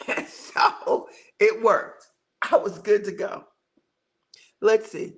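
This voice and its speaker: A woman's voice: medium pitch, steady tone, slow, rough recording. A middle-aged woman hosting a casual livestream chat from home. She talks in a chatty way, repeats words for emphasis and reads out viewer comments. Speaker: livestream host.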